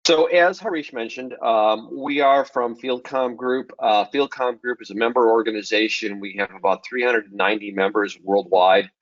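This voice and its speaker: A man presenting a technical webinar, relaxed and full of ums and restarts. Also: mid-range voice, moderate pace, few pauses, no echo. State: early-morning voice. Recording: dull lo-fi webinar audio.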